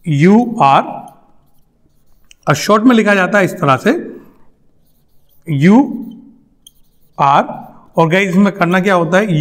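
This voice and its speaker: High-voiced Indian man teaching English. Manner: explains step by step, repeats example sentences, often asks "right?". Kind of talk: spoken English lesson for Hindi speakers.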